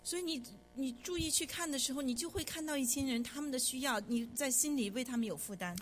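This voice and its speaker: A woman with a high voice quickly interprets a sermon line by line. Her delivery is fluent but she sometimes restarts a word, and a faint hum sits under the voice.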